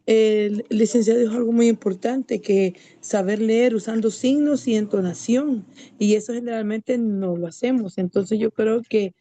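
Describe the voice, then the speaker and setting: Salvadoran female teacher chiming in on a call, hesitant, warm mellow tone, dry close sound. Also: on the high side, moderate pace, no echo. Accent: Salvadoran Spanish. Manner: hesitant, many fillers. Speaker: teacher of young children. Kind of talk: participant answering on a video call. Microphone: video call.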